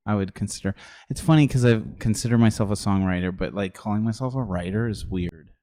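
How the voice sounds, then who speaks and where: A young man co-hosts a casual podcast with a somewhat low voice. He rambles and hesitates, and his thoughts often trail off. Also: a little fast, warm tone. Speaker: podcast co-host.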